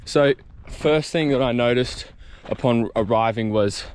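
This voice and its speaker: A man's voice: medium pitch, measured pace, darkish tone, smooth. Rambling Australian guy vlogging outdoors. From South Australia. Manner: chatty, rambling, jokey with lots of ums. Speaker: mountain bike vlogger. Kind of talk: casual vlog chat. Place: outdoors on bush trails.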